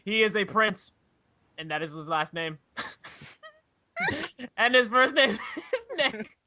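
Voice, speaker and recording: A young man hosts a casual podcast in a high, very bright voice. He is loud and crude, with a giggle breaking into his introductions. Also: animated, slow pace, no room sound. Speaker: podcast host. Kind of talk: casual chat.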